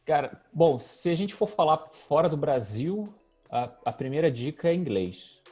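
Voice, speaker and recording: Relaxed and thinking aloud with fillers, a male UX designer in his 30s from Rio de Janeiro, Brazil, speaks as a guest in a casual interview. His voice is fairly high, slightly rough, and moves at a normal speed. Faint music plays in the background.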